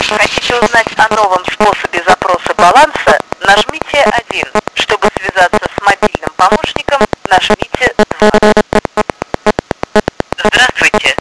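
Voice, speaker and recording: A man reading recorded phone menu prompts in a measured, formal and even way, with digits read one at a time. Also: sits high. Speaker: automated phone menu announcer. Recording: heavy noise on a phone recording.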